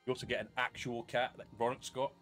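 A man's voice: medium pitch, little pitch movement, fast talker, a bit bright, soft background music. A man giving casual, sweary live gameplay commentary into a close mic. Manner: sweary, informal. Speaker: game streamer. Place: small indoor gaming room with game audio.

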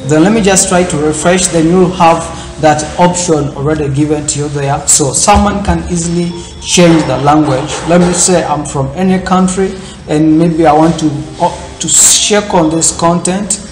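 A man's voice: a little high, steady tone, moderate pace, hardly any pauses, darkish tone, reverberant, soft background music. A man hosting a screen-recorded tech tutorial, walking through steps in loose, repetitive phrasing with many fillers. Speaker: tutorial host. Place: indoor room, seen in corner webcam.

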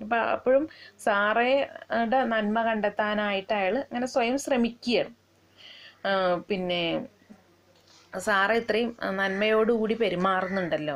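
Woman teacher, reads out a story then talks thru it slow and patient, pauses a lot, medium voice. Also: mid-range voice. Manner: slow and patient, pausing often to paraphrase each passage. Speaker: literature teacher. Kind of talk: reading a short story aloud and explaining it.

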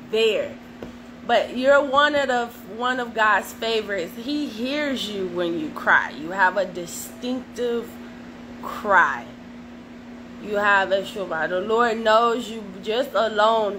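A woman giving a slow, repetitive devotional message as an online minister, pleading with rhetorical questions. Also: fairly high pitch, sharp tone, a little hiss or hum.

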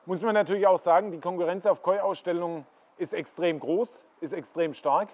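A man's voice: high-pitched, fairly even intonation, brisk, darkish tone. A middle-aged man leads a walking tour through greenhouse koi ponds, pointing out fish and explaining their qualities. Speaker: koi dealer giving a farm tour. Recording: slightly dull lo-fi sound.

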